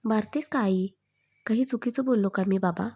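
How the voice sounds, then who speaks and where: A woman's voice: medium pitch, moderate pace, warm tone, breathy edge. A woman voicing a playful young man who teases and jokes in a family storybook reading. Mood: teasing. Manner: cheeky, joking.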